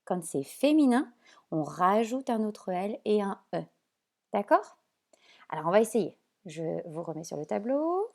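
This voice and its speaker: Slow patient schoolteacher woman. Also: medium pitch, very animated, gravelly, warm tone. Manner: slow, patient, explains with many "d'accord?" checks. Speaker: teacher. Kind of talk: remote classroom lesson at a whiteboard.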